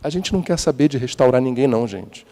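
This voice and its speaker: A guest preacher with a Brazilian Portuguese accent delivers a dramatic, lively sermon in a large church sanctuary, his mid-range voice warm, fast and full of intonation. He pulls the congregation into call and response, asks them questions, and mocks hypocrites in put-on voices. The recording carries the long hall reverb of the church.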